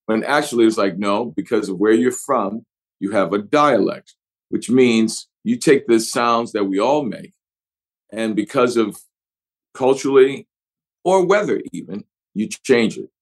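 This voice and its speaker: A middle-aged actor with a New Orleans accent, telling stories expansively in an interview and acting out examples with pitch swings. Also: male voice, lively intonation, a little slow, low-quality recording. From New Orleans, USA. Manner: expansive storyteller, shifts pitch to act out examples. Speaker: actor guest. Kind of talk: animated interview talk.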